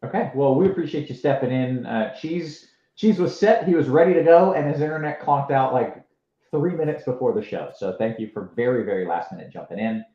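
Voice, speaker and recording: A man's voice: mid-range voice, expressive, brisk, warm tone. A man hosting a casual live sports stream, sounding muffled and underwater through his headset mic, laughing easily and joking around. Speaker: show host. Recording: muffled echoey headset line.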